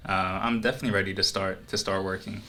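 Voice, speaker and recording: A man in his twenties from Greece, hosting a casual chat in a relaxed, friendly way. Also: low voice, quick pace, a little hiss or hum. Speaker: podcast host.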